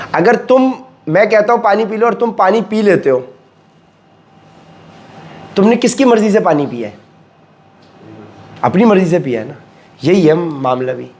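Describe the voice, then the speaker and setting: A man teaching a Quran study session, reading a translation and explaining it in a conversational way, with rhetorical questions. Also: sits high. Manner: conversational, asks rhetorical questions, mixes English words.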